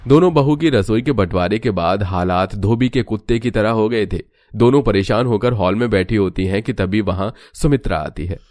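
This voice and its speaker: A man's voice: lowish voice, moderate pace, hardly any pauses, dry recording. A man giving scripted narration for a cartoon story. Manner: even storytelling.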